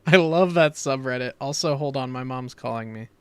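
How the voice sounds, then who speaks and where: Crisp, dry-voiced rambling podcast guy. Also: medium pitch, moderate pace, a bit bright, no room sound. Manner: rambling, lots of "like" fillers and swearing. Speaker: podcast co-host. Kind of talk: casual chat over voice call. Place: his room at home. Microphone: desktop microphone on a voice call.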